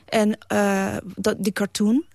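A woman writer speaks earnestly on a radio talk show, restarting her sentences as she presses her point. Her voice has a gravelly, creaky edge. The studio sound is close and dry. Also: mid-range voice, flat delivery, slow pace, a little mellow, dry recording. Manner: earnest, emphatic, with many restarts. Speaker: writer and guest.

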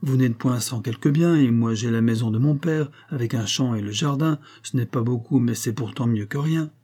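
Earnest young peasant, polite and plain, read by a man, with a mellow, dark tone. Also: medium pitch, moderate pace, lightly acted.

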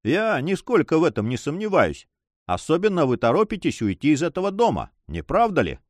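A man's voice: on the high side, huge pitch swings, brisk, no echo, voice pushed up. A man voicing a cool, mocking male pirate captain who speaks with dry sarcasm, in an audiobook reading. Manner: ironic, coolly sarcastic.

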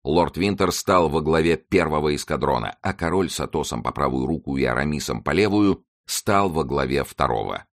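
A man narrating an adventure audiobook in a steady, dramatic reading. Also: extremely low pitch, moderate pace, hardly any pauses, dry recording, clean studio sound. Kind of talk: scripted narration.

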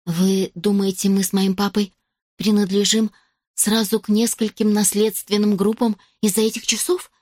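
A woman's voice: medium pitch, level tone, moderate pace, darkish tone, dry recording, studio quality, natural voice. A woman voicing a stubborn teenage girl heroine who pleads and insists, in an audiobook. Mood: puzzled.

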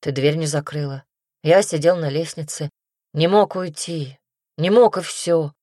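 A woman voicing a remorseful, lovesick young man in an audiobook, speaking slowly with sighs and pleading. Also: low-pitched, mellow, no room sound, studio quality. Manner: slow, sighing, pleading delivery. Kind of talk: audiobook reading.

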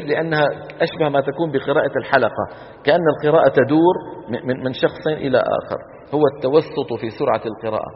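A fairly high-voiced man lectures on Quran recitation, putting questions to the class and answering them himself. His voice rings through a lecture hall with a long echo. The recording sounds dull and lo-fi.

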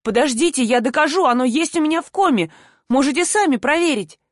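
A woman's voice: animated, brisk, no room sound, studio quality. A woman voicing a hurt, defiant young woman student who protests through tears in an audiobook reading. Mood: hurt insistence. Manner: indignant, tearful, shrill when upset.

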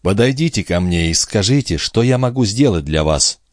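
A man's voice: on the low side, normal speed, no echo, studio quality, lightly acted. A man reading a storybook aloud, voicing an emotional young noblewoman in love who speaks with eager, breathless feeling. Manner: breathless, excited. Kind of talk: audiobook reading.

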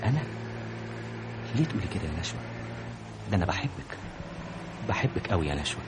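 An actor playing a young doctor who pleads softly with the woman he loves, in an old radio drama. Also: sits low, sing-song, quick pace. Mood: pleading. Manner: soft, pleading, insistent. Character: young doctor, secretly engaged, pleading lover. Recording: noisy old radio drama with car sounds.

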